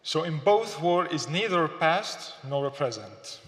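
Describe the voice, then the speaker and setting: A man from Syria giving a thoughtful, halting lecture as an artist, with fillers and repeated words. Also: fairly high pitch, expressive, a bit bright. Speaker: artist giving a symposium talk. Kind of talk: public lecture. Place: gallery lecture hall. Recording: echoey hall, long reverb.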